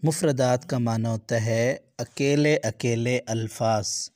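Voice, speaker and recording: A man's voice: medium pitch, fairly even intonation, a little mellow. A man teaching young children to read letters, explaining patiently with everyday examples and drawing out each letter sound. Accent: Pakistani Urdu. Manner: drawn-out demonstration of letter sounds. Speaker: Quran reading teacher. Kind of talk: children's lesson.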